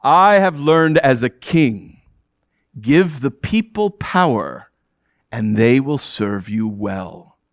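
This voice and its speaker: A man's voice: medium pitch, animated, slow, no room sound. A man playing a proud ancient king who speaks to his subjects in a commanding way and chuckles between statements. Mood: regal. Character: proud middle-aged male Persian king addressing his subjects. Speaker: actor in a biblical character monologue. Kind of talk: theatrical first-person monologue.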